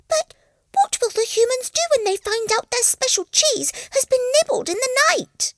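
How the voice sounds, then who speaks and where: A woman voicing a young female mouse who is anxious and excitable, squeaking eagerly in a storybook reading. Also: normal speed, no echo, studio quality. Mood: worried. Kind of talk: storybook character voice.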